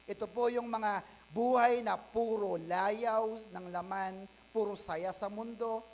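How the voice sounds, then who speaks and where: A woman pastor giving a Bible teaching sermon, asking her listeners questions and reading verses slowly. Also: mid-range voice, fairly even intonation, darkish tone, slight background noise. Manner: mixes Tagalog and English, asks listeners questions; repeats points, reads Bible verses slowly.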